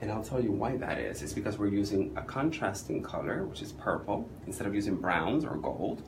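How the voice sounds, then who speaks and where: Animated man giving a makeup lesson. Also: on the low side, fairly quick, background noise. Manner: animated, chatty, asks the viewer questions. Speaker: makeup artist. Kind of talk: on-camera makeup demonstration.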